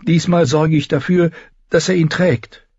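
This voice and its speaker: Male reader doing a desperate young queen in an audiobook, pitched up, husky, urgent. Slightly dull recording. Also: expressive, a little slow, no room sound. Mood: pleading, desperate. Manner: urgent, pleading.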